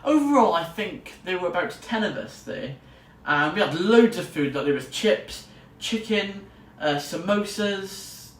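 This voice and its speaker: A young male student vlogger, high-voiced and animated, talks a little slowly yet barely pauses as he rambles enthusiastically to camera in a casual vlog. The sound is distant and echoey, with faint noise.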